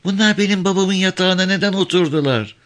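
A man's voice: high voice, fairly quick, a bit bright, pitched above the performer's own voice. A man reading a novel aloud, voicing a bold, outspoken nine-year-old girl with earnest, insistent chatter. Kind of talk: audiobook character reading.

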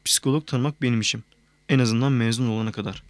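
Male reader voicing an earnest young woman student, polite and direct, mid-range pitch, dry close mic. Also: fairly even intonation, fast talker, no echo, natural voice. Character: young female psychology student, earnest assistant. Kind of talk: audiobook character reading.

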